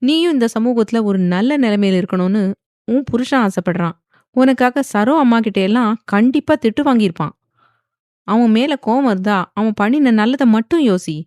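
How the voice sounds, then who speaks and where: A woman's voice: on the high side, lively intonation, normal speed, a little mellow, no room sound, clean studio sound, lightly acted. A woman voicing a patient middle-aged mother who firmly lectures her daughter. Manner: firm, lecturing.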